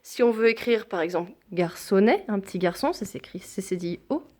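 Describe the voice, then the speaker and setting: A woman teaching a phonics lesson to young children, speaking deliberately and repeating each sound and example word. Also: mid-range voice, animated, darkish tone.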